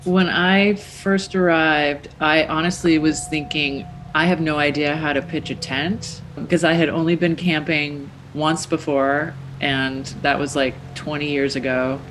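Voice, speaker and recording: A woman, an artist and producer, giving thoughtful, measured answers in an interview. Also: deep voice, fairly even intonation, slight background noise, rough recording.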